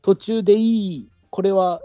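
A man co-hosting a casual baseball podcast, calmly reading out facts and lists. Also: high-pitched, unhurried, dry recording, dull audio, soft background music. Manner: informative, reads out facts and lists. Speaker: podcast co-host, researcher of stats.

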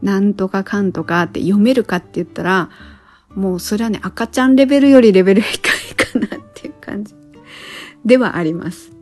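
A woman with a warm, mellow voice talks easily through a solo podcast episode, pausing often as she thinks aloud. Her voice sits at a middle pitch, and soft music plays faintly underneath. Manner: relaxed and chatty, thinks aloud with many pauses. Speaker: podcast host. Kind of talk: casual solo podcast talk.

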